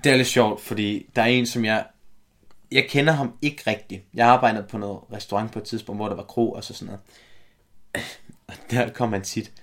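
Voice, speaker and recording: Chatty man from a Danish island. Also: fairly low pitch. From Læsø, Denmark. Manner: animated storyteller, laughs often. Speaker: podcast co-host. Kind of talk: casual chat.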